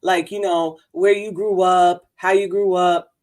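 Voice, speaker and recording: A woman's voice: fairly low pitch, level tone, a little slow, a little mellow. A woman hosting a podcast, chatting casually and upbeat with a guest. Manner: upbeat, chatty, laughs easily. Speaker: podcast host. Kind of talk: casual interview chat.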